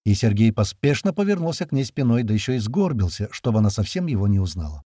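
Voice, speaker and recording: A man doing scripted narration of an audiobook with expressive, steady storytelling. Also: fairly low pitch, quick pace, husky, dry recording, clean studio sound.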